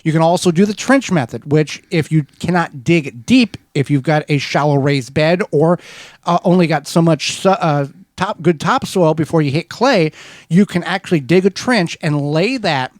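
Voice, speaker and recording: A man co-hosting a gardening radio show from the studio, explaining step by step in a steady, methodical way. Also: fairly high pitch, normal speed, dry recording. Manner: steady, methodical how-to explaining with small restarts.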